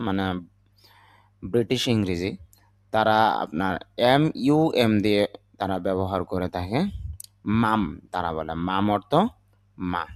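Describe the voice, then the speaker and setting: A man's voice: lowish voice, no room sound. A man, teaching English words and patiently repeating each one with its meaning. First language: Bengali. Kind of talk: vocabulary lesson.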